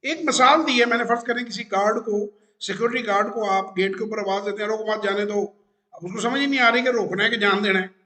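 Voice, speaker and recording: A man with a notably high, bright voice hosts a casual talk. He explains eagerly and leans on repeated phrases to drive his points home. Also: fast. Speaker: stock market educator host.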